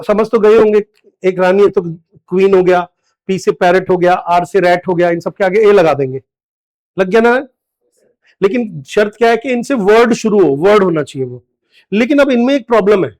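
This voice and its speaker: A man's voice: sits high, darkish tone. A man giving a classroom grammar lecture, drilling students with repeated questions. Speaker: English grammar teacher.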